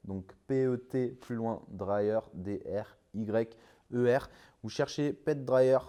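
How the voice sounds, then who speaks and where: Man, low mellow voice, casual vlog Q&A, halting delivery full of fillers. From France. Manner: hesitant, many fillers and restarts. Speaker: car detailing YouTuber.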